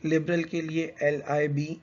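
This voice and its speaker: A male teacher gives an explanatory lecture, slowly reading English and then explaining in conversational Hindi mixed with English, hesitating with fillers and self-corrections. His slightly high voice is flat and darkish. The lo-fi recording sounds dull.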